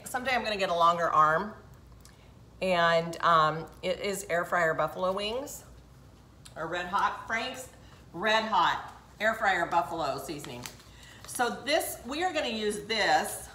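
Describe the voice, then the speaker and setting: Working in her kitchen, an older cooking show host talks directly and chattily to viewers during a home demonstration. Her lowish voice sounds pushed and bright, and the poor, roomy audio has a bit of hiss or hum.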